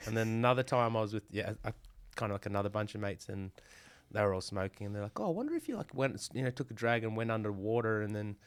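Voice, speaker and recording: A man with a low voice talks as a guest on a podcast, easygoing and rambling, leaning on "like" and "you know". The recording is dry and close to the mic. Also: steady tone, fast, smooth, dry recording. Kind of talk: casual chat.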